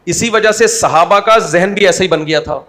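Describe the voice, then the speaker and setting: A man's voice: high voice, sharp tone. A man preaching an Islamic sermon in a conversational, humorous way, asking the audience rhetorical questions. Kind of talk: Urdu sermon.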